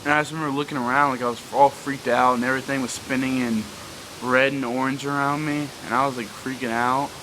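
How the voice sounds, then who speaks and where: A man's voice: mid-range voice, fairly even intonation, fast talker, background noise. A young man telling a story in a casual, rambling way, filling his speech with "like.". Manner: rambling, heavy use of "like".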